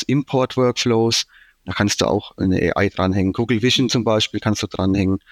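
An IT manager from Franconia, speaking with a Franconian German accent, gives long explanations full of fillers in a casual business interview. His voice sits on the low side, with no room sound.

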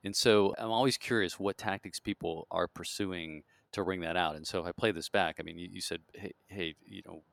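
A man hosting an interview, asking brisk, inquisitive questions. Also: low-pitched, fairly even intonation, gravelly, fairly bright tone, dry recording. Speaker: podcast host, interviewer.

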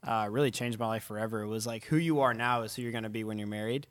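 A man in his twenties co-hosting a podcast, chatting casually and telling animated, jokey stories. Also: on the low side, fast, clean tone. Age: 20s. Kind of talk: casual chat.

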